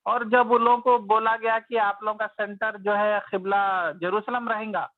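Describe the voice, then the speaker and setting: High-voiced man explaining over a tinny line. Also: fairly even intonation, moderate pace, no room sound. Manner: explains in a storytelling way, acts out people's complaints. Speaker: Islamic teacher. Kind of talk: conversational religious talk. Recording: dry, tinny phone-like sound.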